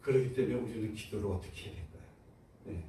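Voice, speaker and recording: A man's voice: fairly low pitch, fast, very noisy. A man preaching a sermon as pastor, asking his congregation questions and acting out voices. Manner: animated, asks the congregation questions, acts out voices. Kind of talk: sermon with congregation call-and-response. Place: church sanctuary. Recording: very echoey church hall, from far off.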